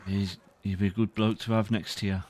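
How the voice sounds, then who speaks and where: Man, role-play character, lowish voice, polite and hesitant, chatting in character at a gaming mic. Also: level tone, a little mellow, a little hiss or hum. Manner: polite, halting, with fillers. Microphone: desk or headset mic at a computer.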